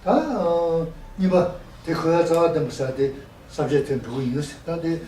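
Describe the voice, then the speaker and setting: A man teaching a lesson in a halting way, often ending phrases with a questioning "¿no?". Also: on the high side, dark tone. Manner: halting, with many tag questions "¿no?". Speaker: Buddhist teacher. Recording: echoey room, mic far off, faint noise.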